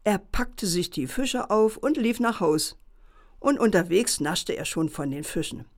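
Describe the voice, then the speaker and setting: Woman storyteller, children's bedtime reading, slow and calm. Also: mid-range voice.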